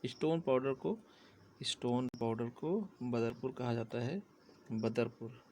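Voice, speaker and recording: A man's voice: medium pitch, a little slow, darkish tone, slight background noise. A man with a sore throat giving a chatty civil engineering lecture, often checking in with his listeners. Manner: chatty, repeats "theek hai" often. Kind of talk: casual Hindi classroom lecture.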